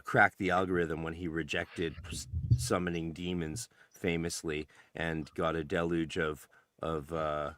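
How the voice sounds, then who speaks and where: Deep-voiced, hesitant podcast co-host man. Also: little pitch movement, unhurried, dry recording, clean studio sound. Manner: hesitant, many fillers and restarts, gently humorous. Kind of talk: casual roundtable chat.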